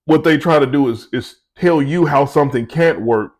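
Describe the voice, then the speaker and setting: A man's voice: fairly high pitch, normal speed, darkish tone. A man giving a conversational Bible teaching, slangy and rambling, speaking to his viewers. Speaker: faith speaker.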